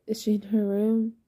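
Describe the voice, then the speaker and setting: A woman's voice: medium pitch, dark tone, husky. A woman doing a panicked, stammering young guy. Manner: stammering, frantic, swearing.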